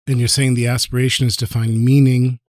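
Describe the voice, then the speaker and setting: A man's voice: medium pitch, flat delivery, fairly quick, no room sound, clean studio sound. A man hosting an interview, asking curious, brief follow-up questions. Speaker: podcast host, interviewer.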